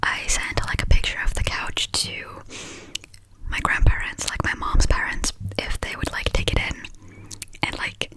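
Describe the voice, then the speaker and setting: A young woman from Finland whispering a fast, scattered, casual ASMR ramble with breathy delivery and frequent hesitations while chewing gum. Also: poor audio. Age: young adult, about 18. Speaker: ASMR creator.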